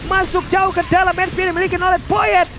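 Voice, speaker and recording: Male esports caster, very high-pitched fighting game announcer delivery, dramatic and urgent, loud music underneath. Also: level tone, a little fast. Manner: dramatic, urgent play-calling.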